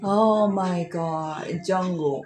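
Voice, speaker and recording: A woman's voice: on the low side, extremely slow. A woman hosting a fan reaction video, gushing with breathless, swooning exclamations. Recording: echoey room with music playing. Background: music.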